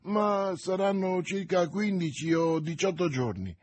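A man reading aloud and voicing a frightened young maidservant who pleads anxiously, in a husky voice. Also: sits high, unhurried, darkish tone, pitched above the performer's own voice. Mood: fearful.

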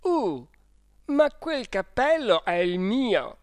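A reader voicing an indignant, fussy grown man who exclaims loudly and slowly in an audiobook. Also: medium pitch, sing-song, dry recording, studio quality, voice pushed up. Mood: dismayed. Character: indignant fussy grown man, outraged over his hat.

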